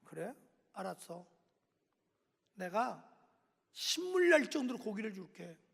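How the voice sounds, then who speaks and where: A preacher puts on God as an exasperated, mocking scold who talks down to grumbling people. The voice is high and gravelly. It rings out with a long echo through a church hall. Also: male voice, sing-song, takes it slowly, fairly bright tone, heavily acted. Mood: dry.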